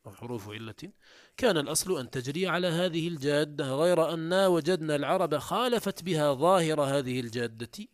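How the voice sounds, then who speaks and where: A man with a somewhat high voice explains grammar to his students. He works step by step, restarting and repeating words as he goes. The sound is close and dry, with no room echo. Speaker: teacher. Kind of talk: recorded grammar lesson.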